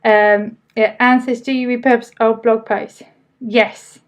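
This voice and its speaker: A woman with a fairly high voice and an Essex accent leads a live online training. She talks in an informal, chatty way, taking questions as they come and answering them casually, with words a little loosely pronounced. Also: level tone, a little slow. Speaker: business trainer hosting a live Q&A.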